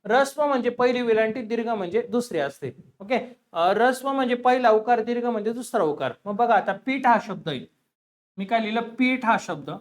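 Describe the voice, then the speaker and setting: A man's voice: very high voice, brisk. A man teaching an exam-preparation lesson, who asks his students questions and then answers them himself, repeating the key words.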